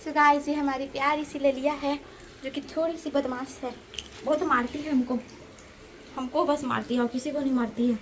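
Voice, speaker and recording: Speaking at a moderate pace in a high, fairly even voice, a Bihari woman vlogger with a Bihari Hindi accent chats and calls out repeatedly to animals in her village. The background is noisy as she goes from outdoors in the village to riding in an auto-rickshaw.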